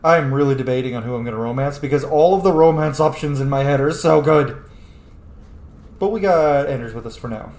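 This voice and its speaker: Recorded in a roomy-sounding space with faint background noise, this medium-pitched man talks fairly quickly as he plays. His let's-play commentary is animated, playful, blunt and profane, and he's a gaming streamer reacting to what happens on screen.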